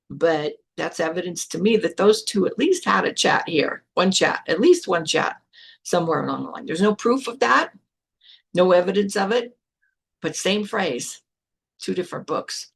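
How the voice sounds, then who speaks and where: Older lady, gravelly husky voice, talking straight and blunt about her life. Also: mid-range voice, expressive, moderate pace. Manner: frank and blunt, with casual swearing. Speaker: spiritual teacher hosting a podcast. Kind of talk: candid personal storytelling.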